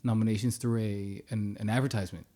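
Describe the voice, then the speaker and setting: He talks fast with a fairly low pitch, a U.S.-born podcast guest in his thirties who grew up in many countries. The chat is casual and easygoing, full of laughter.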